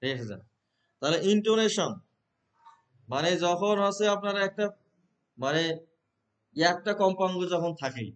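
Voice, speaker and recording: A Bangladeshi man teaching a class of trainee teachers, explaining terms, reading English definitions slowly and asking the room questions. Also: high-pitched, lively intonation. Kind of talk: classroom lecture.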